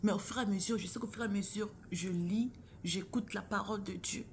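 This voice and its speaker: A woman's voice: mid-range voice, fairly even intonation, fairly quick, a little hiss or hum. A woman giving a casual, earnest faith talk straight to her viewers, calling them sister or brother and often dropping into a near whisper. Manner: earnest, addresses listener as sister or bro.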